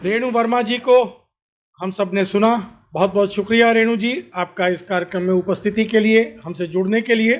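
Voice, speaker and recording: A man with a fairly high voice introduces the next poet at a literary event. He speaks in a formal, courteous way. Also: steady tone, moderate pace. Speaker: host.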